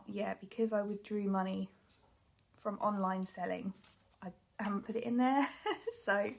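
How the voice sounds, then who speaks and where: British woman, hoarse with a cold, slow gravelly voice, slightly breathless, soft whispery counting. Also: medium pitch. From United Kingdom. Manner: apologetic, often drops to a whisper while counting cash. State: a bit out of breath. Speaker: budgeting vlogger. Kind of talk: casual chat to camera.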